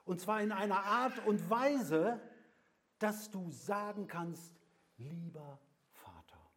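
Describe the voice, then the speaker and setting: Preaching with a high-pitched voice, an older man swings from forceful, loud declarations to hushed whispers, lingering deliberately on repeated phrases.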